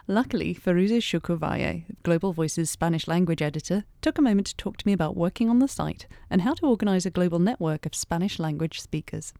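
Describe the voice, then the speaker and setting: This is a woman hosting a program and reading the links between segments. Her voice is low and mellow, and her delivery is smooth and measured. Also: no room sound, clean studio sound. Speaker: host.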